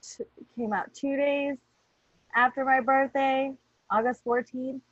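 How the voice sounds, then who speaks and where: A woman podcast host with a high voice speaks slowly, with fairly even intonation, chatting casually and playfully and swearing along the way. The online-call audio is slightly dull but has no echo.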